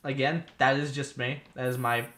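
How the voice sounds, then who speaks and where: A man hosting a casual gaming podcast, giving his opinions with a volume that jumps between loud and quiet. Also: medium pitch, little pitch movement, moderate pace. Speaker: podcast host.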